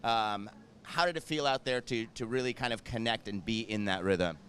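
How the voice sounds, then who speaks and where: A man's voice: lowish voice, normal speed, fairly bright tone, slight background noise. A man interviewing a surfer on the beach after a heat, upbeat and chatty. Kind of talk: post-heat sports interview. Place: beach, outdoors.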